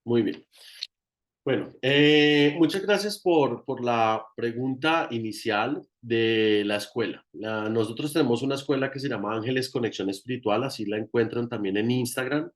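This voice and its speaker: Speaking as a guest therapist, a man with a Colombian accent and a mid-range voice gives an informal, emphatic teaching talk, often repeating phrases to drive points home.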